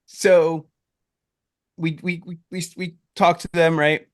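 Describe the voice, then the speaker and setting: A man's voice: fairly high pitch, level tone, takes it slowly, dry recording, clean studio sound. A man in his thirties, a podcast co-host, telling a story in casual chat and acting out the lines he quotes.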